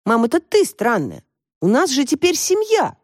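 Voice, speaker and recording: Audiobook: woman playing a dramatic teen girl, high, bouncy and insistent. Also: wildly swooping pitch, a little mellow, no echo, clean studio sound, full character voice. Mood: pestering. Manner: quick, insistent, squealing up high. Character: excitable teenage girl, pestering and dramatic. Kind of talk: audiobook character voice.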